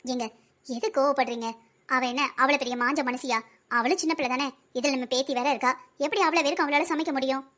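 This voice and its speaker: A fussy older wife and grandmother in a cartoon, voiced by a woman, speaking high and fast with a South Tamil Nadu accent. She pleads with and bosses her husband around in a rapid patter. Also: fairly even intonation, a bit bright. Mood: pleading. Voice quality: pleading, busy, bossy. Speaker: voice actor in a family cartoon. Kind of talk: cartoon family comedy acting.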